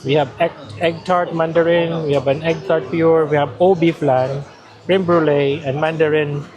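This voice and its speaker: A man's voice: fairly high pitch, steady tone, moderate pace, lo-fi sound. Man vlogging desserts in a crowded buffet. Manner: chatty, tasting and describing desserts. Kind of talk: casual food vlog. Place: busy buffet restaurant. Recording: crowded buffet chatter behind.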